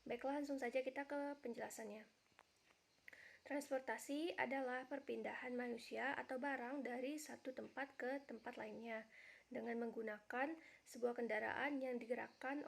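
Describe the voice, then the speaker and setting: A young adult woman, a university student, reading out a class presentation in a steady, step-by-step way. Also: on the high side, normal speed, creaky, slightly rough. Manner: steady, reads each step in order. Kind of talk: read-aloud class presentation.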